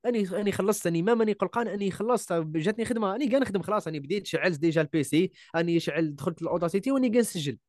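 A man's voice: high-pitched, racing, few pauses, darkish tone, dry recording, studio quality. A young man with an Algerian Arabic accent, a voice-over artist talking casually as a guest, emphatic and repeating key words. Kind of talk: casual interview chat.

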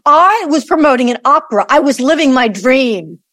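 A bristling grown daughter, played by an actress in an audio play. She answers her tormentor with curt, guarded lines. Her high voice rises and falls widely, and the sound is dry and close. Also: animated, normal speed, fairly bright tone, no echo. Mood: defensive. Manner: curt, defensive retorts. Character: angry grown daughter of a dead mogul.

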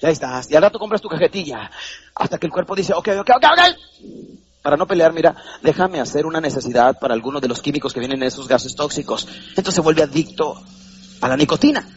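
A man's voice: a little high, quick pace, husky, lo-fi sound. A Mexican man giving a live motivational seminar talk in a hall, theatrical, acting out little voices and quizzing his audience. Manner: animated, theatrical, acts out voices and questions the audience. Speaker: motivational speaker.

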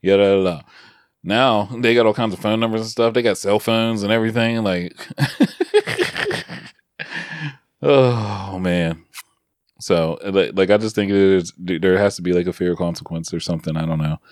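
A man with a very deep voice talks casually as a podcast co-host, recorded close and dry at home. He's blunt and sarcastic, often breaking into laughter. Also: fairly even intonation, a little fast, no room sound. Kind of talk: casual chat. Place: bedroom at home.

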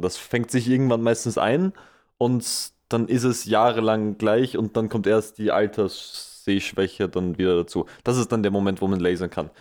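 Man, lowish voice, casual podcast chat, explaining. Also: a little mellow. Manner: explaining, teasing. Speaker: podcast co-host.

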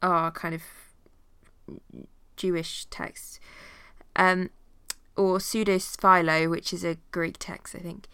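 A woman with a cold leads an informal Bible study in a lowish, noticeably nasal voice that is pushed, bright, clean, and level in tone. She talks slowly, pauses often, uses plenty of fillers, and reads long passages aloud, recorded dry and close with no room sound or echo.

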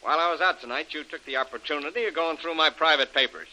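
A menacing tough-talking villain. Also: male voice, a little high, fast talker, bright, forceful tone, rough recording. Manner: tough-guy slang, threatening. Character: menacing adult male villain, cold bully. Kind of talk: 1930s radio drama acting.

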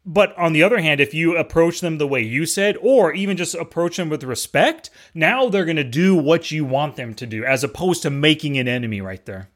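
Guy on a podcast talking through lessons, kinda high voice, steady. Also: a little fast, few pauses. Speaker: podcast co-host. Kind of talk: casual chat.

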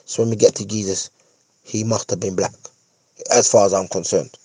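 A podcast host with a London roadman accent and urban street slang gives a casual, opinionated monologue, repeating phrases for emphasis and using tag questions to make sure listeners are following and agree. His voice is on the low side, dark and husky, with fairly even intonation at a moderate pace. The recording is dry, with no echo.

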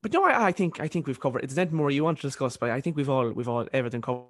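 A man in his early twenties with a softened Cavan Irish accent, speaking reflectively in an interview and repeating words as he thinks. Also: medium pitch, lively intonation, racing, no echo, studio quality. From County Cavan, Ireland. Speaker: podcast guest, university student.

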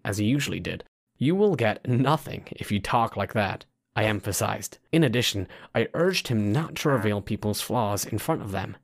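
Low-voiced man, storytime vlogger narration. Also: no room sound, clean studio sound. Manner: storytime vlogger addressing listeners directly. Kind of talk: scripted first-person storytime vlog narration.

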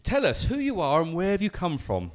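A man's voice: high voice, huge pitch swings, brisk. A man hosting a podcast, talking in a teasing, joking way with his guest. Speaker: podcast host. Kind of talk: casual chat.

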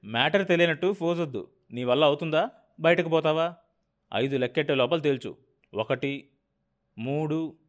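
A brusque, mocking TV channel boss barks orders at his staff in a raised, high-pitched voice, as an audiobook narrator puts him on. He bullies everyone around him and sneers while he does it. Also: normal speed, long pauses, close to an everyday voice. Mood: domineering. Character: brash scheming male TV channel boss.

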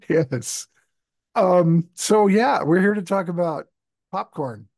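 Joking podcast co-host, dry close sound. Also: male voice, sits high, animated, very slow, vocal fry, dry recording. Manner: joking, rambling, laughs often. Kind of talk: casual chat.

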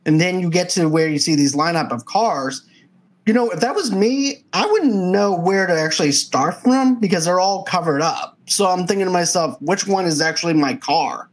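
With a high-pitched voice at a moderate pace, this co-host of a movie review podcast chats casually and excitedly walks through the film's scenes one by one, quoting lines along the way.

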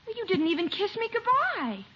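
A woman's voice: extremely high pitch, sing-song, a little fast, bright, forceful tone, full character voice. A woman playing a touchy, sentimental young American wife in an old radio comedy. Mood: hurt, accusing. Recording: dull noisy vintage radio recording.

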